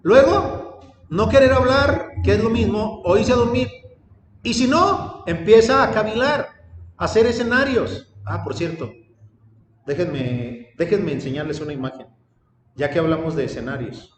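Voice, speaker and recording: A man's voice: high voice, lively intonation, measured pace. A man preaching a sermon, telling a story and acting out its dialogue, then building up emphatic lists. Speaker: pastor. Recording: echoey hall with ambient noise.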